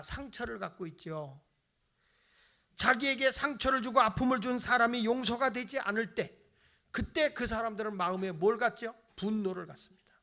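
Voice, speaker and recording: A middle-aged man preaching a Sunday sermon as pastor, animated, acting out people's excuses and swinging from loud emphasis to near-whisper. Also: extremely high pitch.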